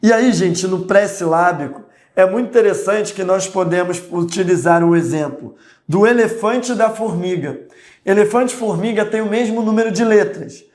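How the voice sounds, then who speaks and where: A man's voice: sits high, normal speed, darkish tone. A man with a Brazilian Portuguese accent teaching an online class, explaining step by step and often checking in with his students. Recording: echoey room.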